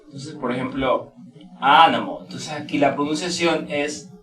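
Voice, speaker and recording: A man giving a pronunciation lesson in a casual teaching manner, repeating example words slowly to show stress. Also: a little high, fairly even intonation, roomy sound, distant mic, a crowd in the background, low-quality recording. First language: Spanish. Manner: slow, drawn-out model words repeated for stress. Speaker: English teacher.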